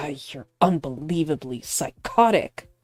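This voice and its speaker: A woman's voice: low voice, expressive, slow pace, darkish tone, husky, heavily acted. A woman voicing an irritable young male actor who snaps angrily at his rival. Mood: annoyed. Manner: irritated, snapping. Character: hot-tempered young male actor narrator.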